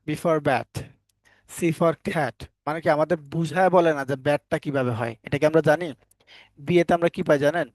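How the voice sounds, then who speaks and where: A man leads a live online English class, teaching letter sounds. His voice sits a little high, and the sound is dry and close to the mic. He keeps quizzing the students and turns firm when they misbehave. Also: moderate pace, a little mellow, no echo. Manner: repeats questions to students, firm and scolding at times.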